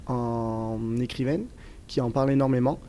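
A young Toulouse-area man in his twenties, with a southern French accent, answers questions as a guest in a relaxed, casual interview. His mellow, mid-pitched voice is hesitant, full of fillers and restarts, against slight background noise.

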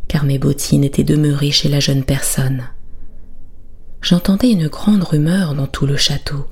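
Breathy whispering woman telling a bedtime story. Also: sits low, fairly even intonation, unhurried. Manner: soft, hushed.

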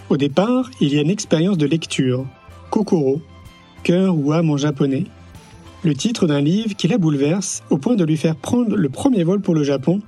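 A man hosting a podcast, reading a measured, scripted introduction over soft music. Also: on the high side, husky. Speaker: podcast host.

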